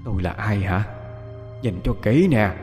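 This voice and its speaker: A man's voice: fairly low pitch, expressive, measured pace, in a large hall, music in the background. A man voicing a vengeful female ghost who hisses ominous warnings through clenched teeth.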